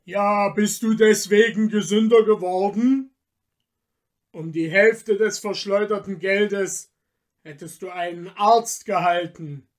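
A man voicing a loud, mocking giant forest spirit. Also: high voice, steady tone, takes it slowly. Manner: loud, taunting, emphatic. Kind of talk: dramatized storybook reading.

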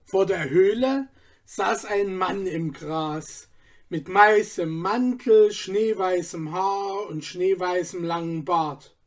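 Male storybook narrator, high voice, slow, calm. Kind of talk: storybook reading.

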